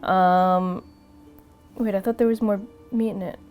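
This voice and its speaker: A woman's voice: medium pitch, steady tone, a little slow, darkish tone, soft background music. Giggly chatty woman co-host. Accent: New York. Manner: giggly, rambling, lots of fillers and restarts. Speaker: podcast co-host. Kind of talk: casual chat.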